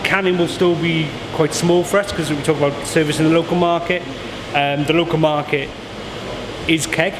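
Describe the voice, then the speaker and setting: A man's voice: on the high side, steady tone, moderate pace. A man informally answering interview questions as a brewer showing visitors around. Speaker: brewer giving a tour of the brewery. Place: inside an echoey working brewery. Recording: echoey, noisy brewery with machinery hum.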